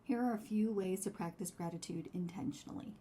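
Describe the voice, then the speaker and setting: A woman coach delivers a scripted talk in a relaxed, mellow voice of medium pitch. Her phrasing is deliberate and encouraging, and there is faint noise in the background. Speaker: host, wellbeing coach.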